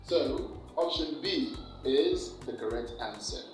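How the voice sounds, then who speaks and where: A man teaching an exam preparation lesson, slowly and deliberately, repeating key words for emphasis. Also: medium pitch, lively intonation, recorded from a distance. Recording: echoey room, off-mic, faint music.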